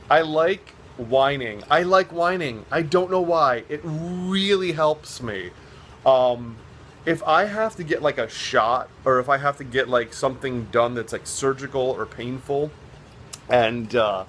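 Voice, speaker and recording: A man's voice: medium pitch, a bit bright, slight background noise. A man chatting casually to his vlog viewers, rambling and self-mocking as he jokes along. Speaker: vlogger, drag performer. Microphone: phone on a stand.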